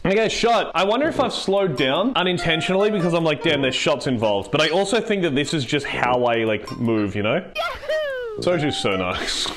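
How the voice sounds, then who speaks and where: A young man hosts a home cooking video, tipsy and giggly. His fairly high voice swings widely as he rambles and swears, with music playing behind him. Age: young adult. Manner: sweary, exclamatory. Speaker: host of a comedy cooking video. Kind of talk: casual chat to camera while cooking. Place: home kitchen.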